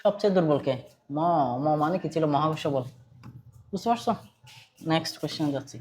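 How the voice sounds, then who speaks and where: Bangladeshi-accented physics tutor, chatty lecture, repeats and quizzes, mid pitch. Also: quick pace, darkish tone. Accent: Bangladeshi Bengali. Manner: conversational, quizzes students, repeats points, mixes in English terms. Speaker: physics teacher. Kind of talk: online class lecture.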